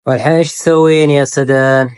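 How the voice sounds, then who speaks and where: A woman with an unusually low voice runs a casual family vlog. She talks in a playful, coaxing way and keeps repeating admiring exclamations. Her voice sounds dry and close. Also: fairly even intonation, quick pace, darkish tone, clean tone, dry recording. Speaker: family vlogger filming children.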